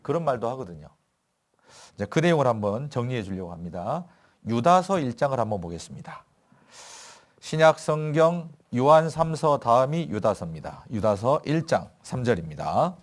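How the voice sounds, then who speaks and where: A man preaching a sermon as pastor, asking his listeners questions and answering them himself. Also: mid-range voice. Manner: reads scripture slowly and deliberately. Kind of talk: sermon at a Bible lecture.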